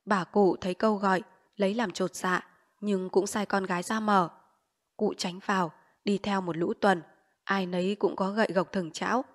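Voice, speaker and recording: A woman narrating a novel aloud at a brisk, even pace. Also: medium pitch. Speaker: audiobook narrator.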